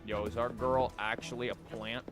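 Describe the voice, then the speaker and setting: While streaming a game live, a man keeps up casual, joking chatter with rambling asides and reads the dialogue aloud over background game music. His mid-range voice moves at a moderate pace with little pitch movement.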